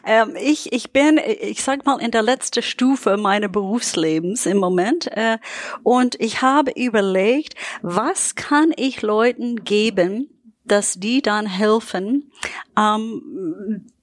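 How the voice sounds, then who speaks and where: A woman's voice: mid-range voice, slow pace, no room sound. A middle-aged or older woman with an American accent in German, speaking reflectively as a podcast guest and searching for her words. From United States. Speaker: podcast guest, business development trainer. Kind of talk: conversational interview.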